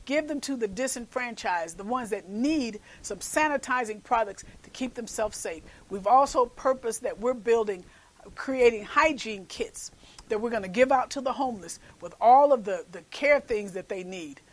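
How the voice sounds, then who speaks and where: A woman's voice: fairly high pitch, moderate pace, poor audio. A woman host preaching an earnest message, repeating phrases and urging her listeners to act. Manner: calls listeners "baby". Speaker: show host and minister.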